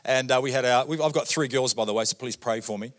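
A man in his thirties with a New Zealand accent preaches as a guest pastor in a church auditorium, chatty and joking, using lots of fillers and "right?" tags. His voice is medium-pitched and fairly bright, and he talks at a quick pace.

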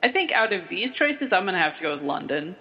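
A man's voice: high voice, sing-song, fast. A young man in his twenties from Kentucky, hosting a casual chat and laughing often between lines. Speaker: podcast host. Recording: muffled audio, long room reverb.

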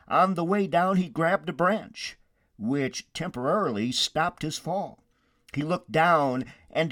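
Slow, lively-voiced radio pastor. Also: male voice, mid-range voice, dry recording, studio quality. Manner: storytelling, emphatic. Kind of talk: radio sermon.

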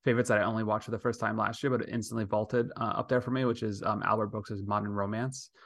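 Low, creaky-voiced man hosting casually. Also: level tone, quick pace, fairly bright tone, no echo, clean studio sound. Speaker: podcast host.

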